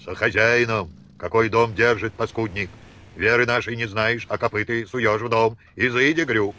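A man's voice: on the low side, fairly even intonation, normal speed, bright, forceful tone. A man voicing a harsh, commanding old peasant father who speaks in rustic dialect and threatens. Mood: stern. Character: stern old male Old Believer father.

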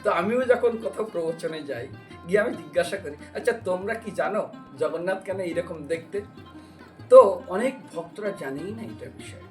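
A high-pitched religious preacher and storyteller delivers a devotional lecture as a story, at normal speed. He animatedly acts out dialogue and poses questions to his listeners. The mic is distant, with music playing behind his voice.

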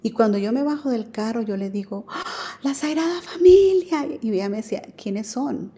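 Mellow-voiced woman testifying. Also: mid-range voice, brisk. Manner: earnest storytelling with many fillers. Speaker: radio guest. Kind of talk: personal faith testimony. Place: radio studio.

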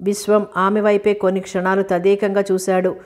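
Audiobook narrator: woman, mid pitch, flat, measured novel reading.

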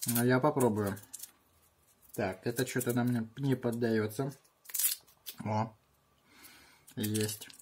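A man in his thirties chatting casually on a home vlog in halting short bursts while he handles and tastes things, with a husky voice. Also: mid-range voice, steady tone, darkish tone, a little hiss or hum. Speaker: video host tasting candy. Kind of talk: casual vlog chat with muttered reactions. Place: small room at home.

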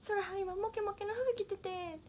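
A woman voicing a loud, overly apologetic young woman idol, shouting formal apologies in a much higher voice than her own. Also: fairly even intonation, normal speed, a little hiss or hum.

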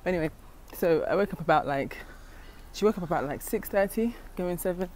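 A young woman talks into her earphone mic while walking down a street, chatty and confiding, drifting from thought to thought. Traffic and street noise sit clearly behind her voice. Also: lowish voice, a little fast, a little mellow. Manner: chatty, rambling, confiding asides. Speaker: vlogger, mother. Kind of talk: casual walking vlog chat. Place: outdoors on a city street. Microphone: wired earphone mic, phone at arm's length.

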